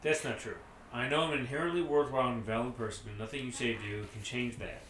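A timid, approval-seeking young man, read by a man. He apologizes eagerly at a middle pitch. The room has a noticeable echo and a faint hiss. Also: fairly even intonation, quick pace, a bit bright, lightly acted. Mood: defiant.

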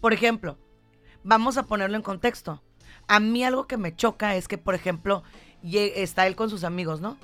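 A woman's voice: mid-range voice, moderate pace, a bit bright, faint music behind. A woman with a Mexican Spanish accent co-hosting a talk show, chatting casually and acting out quoted lines with animation. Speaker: radio show host.

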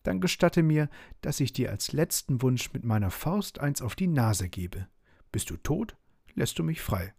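A man's voice: mid-range voice, big pitch swings, measured pace, creaky, darkish tone, husky, voice pushed up, exaggerated voice. A man voicing a small, cheeky, fearless creature in a bedtime storybook reading, with a chirpy, mock-polite manner.

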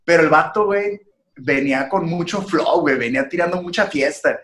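A man's voice: a little high, brisk. A young man with a northern Mexican accent telling a long story in casual podcast chat, slangy and full of swearing. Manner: slangy, swears a lot, animated anecdote. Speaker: podcast co-host. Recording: echoey room.

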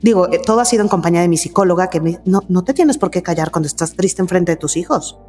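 A woman's voice: lowish voice, fast talker, dark tone, soft background music. A woman, a guest chatting candidly and emotionally in an interview, repeating words for stress and sounding tired. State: weary. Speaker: guest, mother of two.

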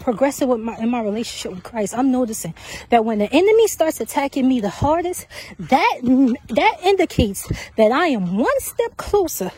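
A woman's voice: sits high, big pitch swings, normal speed, darkish tone, breathy edge, no room sound. A woman podcast host, out of breath from walking outdoors on a track, giving casual, repetitive faith encouragement. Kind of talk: faith-based encouragement talk.

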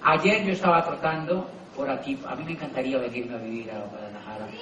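A man's voice: medium pitch, brisk, very noisy. Colombian man telling stories to a crowd. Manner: animated storyteller who acts out dialogue. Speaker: business motivational speaker. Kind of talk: live talk to an audience with anecdotes. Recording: echoey hall, distant mic, faint ambience.

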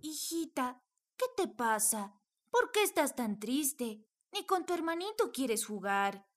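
A woman's voice: high voice, big pitch swings, slow, music in the background, heavily acted. A woman playing a worried, loving mother. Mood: tender, worried. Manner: tender, anxious, pleading.

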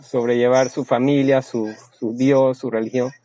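A man's voice: mid-range voice, level tone, normal speed, dark tone, poor audio. A man giving a blunt, crude and boastful seminar talk as a Spanish voice-over, often restarting his phrases. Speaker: seminar speaker.

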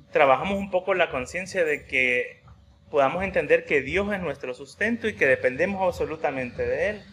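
A man's voice: on the high side, a bit bright, a little hiss or hum. A man preaching a sermon in a conversational way, telling a personal story and often adding a questioning tag.

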